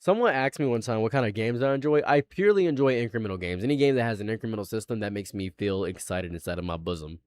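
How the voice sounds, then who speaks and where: A man's voice: on the low side, expressive, quick pace, few pauses, a little mellow, clean tone. A man in his late twenties, a live streamer chatting casually, rambling and repeating himself, laughing often. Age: late 20s.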